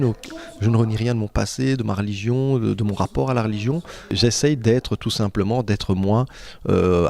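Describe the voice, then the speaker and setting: A man's voice: mid-range voice, creaky, a little mellow. A man, an actor and playwright, talking thoughtfully in an interview with frequent hesitations. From Lebanese-born family, raised in Guinea. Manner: thoughtful, hesitant with many fillers. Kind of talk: casual interview.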